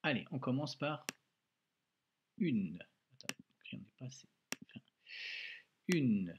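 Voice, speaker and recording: A man's voice: mid-range voice, big pitch swings, slow pace, highs cut off, noisy background. A male schoolteacher recording a handwriting lesson for a child, patiently talking through each pen stroke aloud with an encouraging manner. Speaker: primary school teacher.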